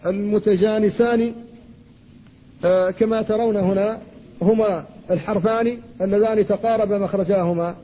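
A man, an Islamic scholar, giving a classroom lecture on Quran recitation. He explains rules at a measured teaching pace, recites verses slowly and stops to answer students. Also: high-pitched, fairly even intonation, warm tone. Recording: dull lo-fi lecture recording with faint noise.

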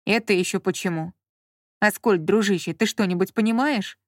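A woman's voice: medium pitch, moderate pace, no echo, clean studio sound, close to an everyday voice. Woman reading a mild puzzled grown man.

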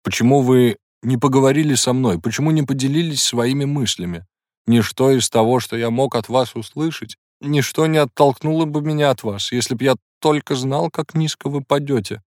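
A man's voice: mid-range voice, moderate pace, a little mellow, no echo, studio quality, voice pushed up, natural voice. A man reading a distraught devoted young man. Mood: earnest.

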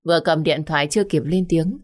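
Female audiobook narrator, slightly low voice, measured and emotive. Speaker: storyteller.

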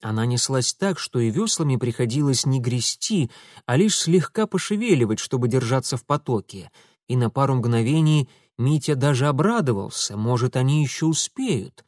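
A man's voice: mid-range voice, very animated, normal speed, darkish tone, dry recording, clean studio sound. A man reading an adventure story aloud with dramatic, rhythmic storytelling. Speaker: audiobook narrator. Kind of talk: scripted audiobook narration.

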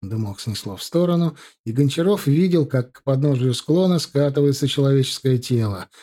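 A man narrating an audiobook in a measured, even way. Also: mid-range voice.

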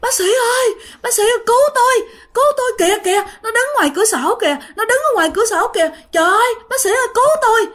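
A woman's voice: very high-pitched, very fast, a bit bright, pitched above the performer's own voice. A woman storyteller voicing a terrified pregnant woman in labor, pleading frantically. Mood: screaming.

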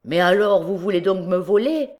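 A woman's voice: on the low side, expressive, slow. A woman voicing a terrified older man woken in the night, crying out and stammering in panic.

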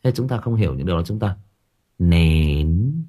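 A man's voice: low voice, moderate pace. A man hosting a casual talk show, rambling and repeating himself as he talks about raising teenagers. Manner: rambling, repeats words, animated.

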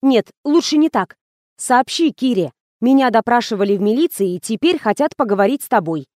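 Stern woman investigator, read by a woman, curt and commanding, raised pitch, audiobook. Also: animated, a little fast, a little mellow, no echo, studio quality, lightly acted.

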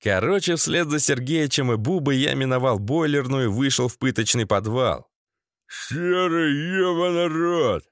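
A man narrating a first-person audiobook in a colloquial, lively manner. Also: mid-range voice, normal speed, no echo, studio quality.

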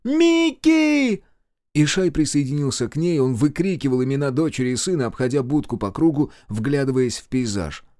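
A man narrating a horror audiobook in a dramatic, expressive way. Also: medium pitch, fairly quick, hardly any pauses, dry recording, studio quality. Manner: dramatic, acts out characters.

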